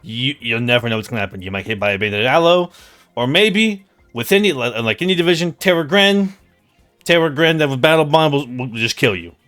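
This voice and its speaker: A man's voice: medium pitch, expressive, brisk, a bit bright, no echo, faint music behind. A man co-hosting casual commentary, playful and enthusiastic. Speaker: co-host.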